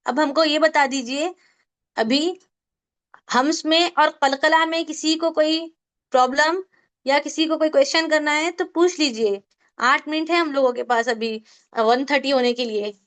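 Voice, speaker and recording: Woman, high voice, Tajweed teacher, video call, slow repeated drills, asks the class questions. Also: a bit bright. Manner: drills Arabic letters slowly with repetition.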